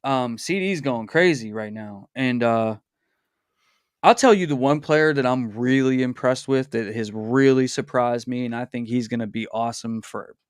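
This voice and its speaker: A man's voice: medium pitch, normal speed, clean tone, no room sound, studio quality. A young man hosting a casual livestream podcast, telling stories in a laid-back, slangy way. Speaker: podcast host.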